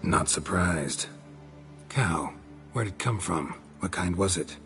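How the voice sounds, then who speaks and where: A man voices a weary monster hunter for hire in a game fan dub. He speaks in a low voice and in clipped, dry phrases, never wasting a word. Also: slow pace, fairly bright tone, soft background music, exaggerated voice. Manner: clipped, dry, few words.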